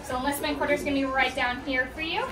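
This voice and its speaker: A woman's voice: high-pitched, fairly even intonation, quick pace, recorded from a distance. A young woman working as a theme park attendant, giving guests a friendly briefing. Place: small themed booth. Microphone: handheld camera at some distance. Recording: echoey, off-mic, music behind.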